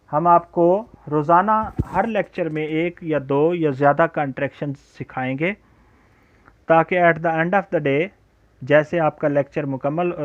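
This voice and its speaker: A man lectures at a very slow, careful pace, stretching each example phrase. His voice sits a little high for a man. The lo-fi recording is dry and close, with no room echo. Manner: slow, deliberate, drawn-out example sentences. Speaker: English teacher. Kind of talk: recorded spoken-English lecture. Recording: dull, lo-fi home recording.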